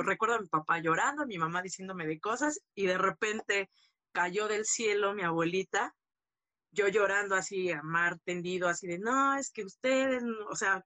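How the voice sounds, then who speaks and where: A woman's voice: fairly low pitch, bright, forceful tone, no echo. A woman, a guest recounting a personal story in candid, filler-heavy talk. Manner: candid, full of fillers and tag questions. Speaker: interview guest.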